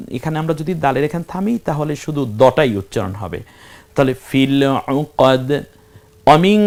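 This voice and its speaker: A man teaching Quran reading, asking questions and answering them himself while spelling out letters one at a time. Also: mid-range voice. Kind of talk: step-by-step recitation lesson.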